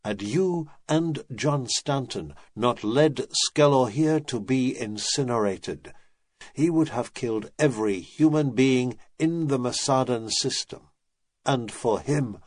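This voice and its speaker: A man voicing an ancient male official with a breathy, calm, unemotional way of speaking in an audiobook. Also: medium pitch, no echo. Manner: measured, unemotional.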